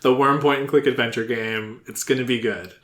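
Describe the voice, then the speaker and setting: A man co-hosting a casual podcast, enthusiastic and agreeable, with sudden excited bursts. His voice is mid-pitched for a man. A clear echo from the room hangs around him. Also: fairly quick. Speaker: podcast co-host.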